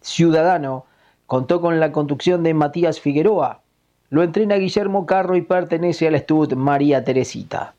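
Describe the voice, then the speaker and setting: A man with a Uruguayan accent giving a formal, measured report of horse racing results as a radio correspondent. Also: a little high, mellow, muffled recording.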